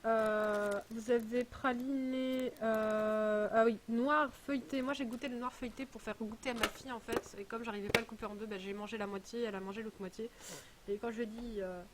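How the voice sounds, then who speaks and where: Chatty woman with a high voice. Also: fairly even intonation, fairly quick, background noise. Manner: chatty, rambling, full of hesitations. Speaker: vlogger unboxing a parcel. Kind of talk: casual chat.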